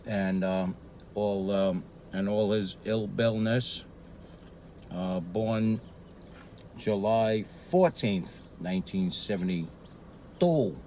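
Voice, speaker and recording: A New man talks slowly with his mouth full, drifting between thoughts in an unhurried, meandering way. His speech is salted with swearing and drawn-out "uh"s and "um"s. Faint traffic hums somewhere behind him. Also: lowish voice, warm tone, poor audio. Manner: profane, meandering, hesitant fillers. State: eating while talking. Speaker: vlogger. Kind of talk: rambling casual monologue. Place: street near a Brooklyn diner.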